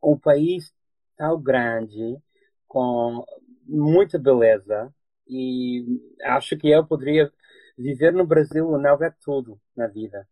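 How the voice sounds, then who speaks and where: A man, not a native speaker, with a foreign accent mixing European and Brazilian, chatting haltingly as an interview guest and searching for words. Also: medium pitch, mellow, no echo, poor audio. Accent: foreign, mixing European and Brazilian Portuguese. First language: not a native Portuguese speaker. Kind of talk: casual chat.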